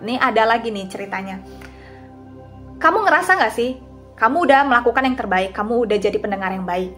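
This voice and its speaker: A woman's voice: fairly high pitch, a bit bright. A young woman in her twenties giving casual, confiding advice straight to her viewers, like a vlogger chatting about feelings. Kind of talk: casual talking-head advice.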